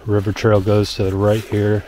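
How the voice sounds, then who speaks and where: A man with a fairly low voice talks his way along a snowy forest trail. His delivery stays flat and even as he calmly points out the route and the views. A faint hiss of outdoor air sits under his voice. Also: moderate pace. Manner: relaxed, matter-of-fact trail commentary. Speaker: hiker narrating his own trail video. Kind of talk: casual hiking vlog narration.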